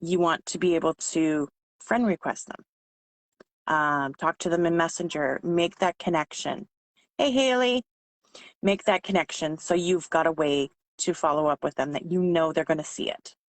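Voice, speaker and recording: A woman whose voice is hoarse and giving out, talking informally as a trainer explaining sales tips. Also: sits low, fairly even intonation, moderate pace, dry recording. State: losing her voice, hoarse. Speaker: sales trainer for direct-selling consultants.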